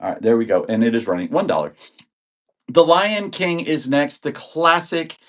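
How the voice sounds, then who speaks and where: An animated man in his sixties speaks at a moderate pace in a fairly high pitch while he recovers from an illness. On a live auction stream selling videotapes, he chats and rambles casually, greeting viewers by name.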